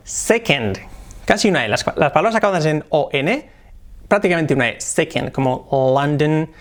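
A man with a Spain Spanish accent, teaching English pronunciation in a video lesson and slowly demonstrating English phrases. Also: fairly high pitch, big pitch swings, a bit bright.

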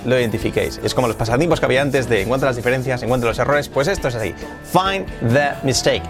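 A man with a Spain Spanish accent, an English teacher explaining grammar step by step and repeating English example sentences slowly. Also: medium pitch.

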